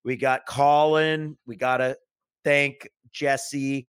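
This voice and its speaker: A man with a medium-pitched, steady, clear and resonant voice tells bar stories slowly as a guest on a podcast. He's a restaurant worker, and the casual chat is loose, full of swearing and frequent laughter. The studio sound is clean, with no echo.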